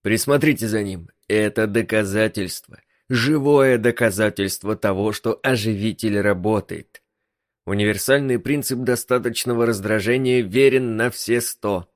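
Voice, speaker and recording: A man voicing an excitable, brash eccentric male inventor who talks in loud exclamations, in an audiobook. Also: on the low side, normal speed, dry recording, studio quality, lightly acted. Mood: excited. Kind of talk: audiobook reading.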